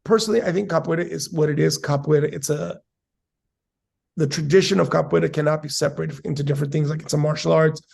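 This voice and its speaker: Gravelly man with a measured academic manner. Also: on the high side, steady tone, darkish tone. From South San Diego, USA. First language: Spanish and English. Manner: measured, academic, with many fillers. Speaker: capoeira master, guest. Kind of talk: casual interview answers.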